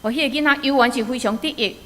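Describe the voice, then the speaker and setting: In a fairly high, fairly bright voice with a Taiwanese accent, a woman preacher delivers a sermon at a quick pace. She shifts between telling stories and urging her listeners, frequently asking rhetorical questions. Her voice echoes with a hall's long reverberation.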